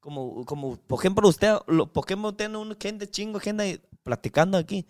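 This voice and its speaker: Chinese-born male guest, young, broken slangy delivery, a bit high-pitched. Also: moderate pace. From China. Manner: broken, street-slang Spanish with restarts. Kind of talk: casual interview chat.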